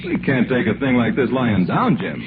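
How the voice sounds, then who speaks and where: An actor playing a hot-headed, vengeful fight manager in an old radio drama, blunt, slangy and pugnacious. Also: male voice, medium pitch, wildly swooping pitch, normal speed. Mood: angry, determined. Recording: narrow, noisy old radio recording.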